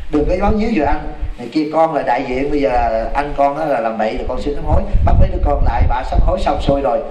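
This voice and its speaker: A man, a Buddhist monk, telling a story in a dharma talk and calling out to his listeners. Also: on the high side. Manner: animated, exclaims to the audience. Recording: echoey hall from far off, noisy.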